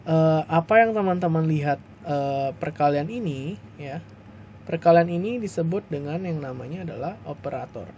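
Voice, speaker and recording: A man's voice: on the high side, lively intonation, moderate pace, darkish tone, a little hiss or hum. A man giving a recorded lecture to his students, patient and repetitive, with many small fillers as he explains step by step. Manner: patient, repeats points with frequent "ya" and "eh" fillers.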